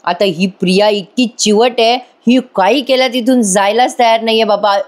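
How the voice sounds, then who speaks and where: A woman doing an excited, dramatic voice-over recap of a TV serial, speaking directly to viewers. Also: medium pitch, normal speed. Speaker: TV serial reviewer.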